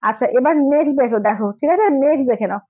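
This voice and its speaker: A hoarse woman with a cold, selling sarees on a live stream in a brisk, repetitive sales pitch. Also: lively intonation, dry recording, highs cut off. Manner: brisk, repeats prices, keeps asking "okay?".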